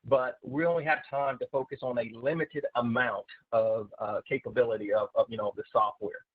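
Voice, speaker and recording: A man giving a software webinar as a systems consultant, halting with many filler sounds, his voice heard through a recorded online meeting. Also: mid-range voice, steady tone, husky, no echo. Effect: voice heard through a recorded online meeting's screen-share session. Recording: tinny, dry online-call audio.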